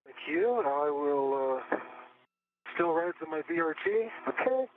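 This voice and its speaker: Man on breaking-up space radio, thin and hissy. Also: on the high side. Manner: steady, checklist-like, halting at times. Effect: breaking-up space-to-ground radio. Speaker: astronaut on a spacewalk. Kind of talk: procedural radio calls. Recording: narrow, noisy, distant radio link.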